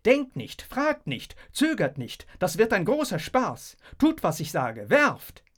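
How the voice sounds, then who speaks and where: A rude male trickster taunts a crowd in a high, ringing, clear voice, loud and bouncy. His insults come out jeering and cackling. A man reading a storybook acts him out. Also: wildly swooping pitch, slow pace, heavily acted. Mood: coaxing.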